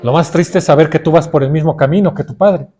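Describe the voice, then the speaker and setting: A man's voice: on the high side, fast talker, dark tone. Mexican man preaching a sermon. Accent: Mexican Spanish. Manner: addresses listeners as brothers often, asks questions.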